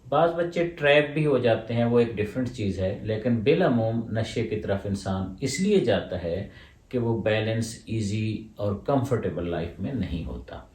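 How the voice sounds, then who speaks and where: A man's voice: on the low side, lively intonation, measured pace, darkish tone, distant mic. A man, a homeopathic doctor answering questions and explaining his points in order. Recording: roomy echo, voice from away from the mic.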